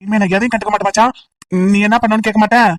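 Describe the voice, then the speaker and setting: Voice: medium pitch, little pitch movement, racing, dry recording, natural voice. A voice actor playing a clingy young male student who stammers and sulks at his friend, as comic voice acting on a distant, dry mic. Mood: sulky. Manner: hesitant, sulky, stammering.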